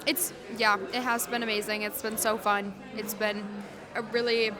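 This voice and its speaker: A young woman co-hosting a casual podcast chat, bubbly and quick to laugh. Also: medium pitch, flat delivery, a crowd in the background. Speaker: podcast co-host.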